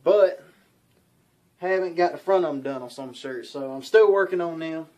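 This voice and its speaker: Vlog host: young man, slightly higher voice, folksy and repetitive, talking to camera. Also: normal speed, darkish tone. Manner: rambling, folksy, repeats himself. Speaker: outdoors channel host. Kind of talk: casual vlog talk to camera. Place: small bedroom indoors.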